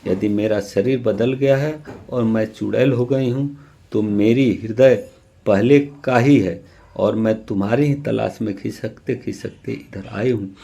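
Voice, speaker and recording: A man reading the lines of a loving mother who has come back as a ghostly witch, speaking gently and sorrowfully. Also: fairly low pitch, a little slow, gravelly, lo-fi sound.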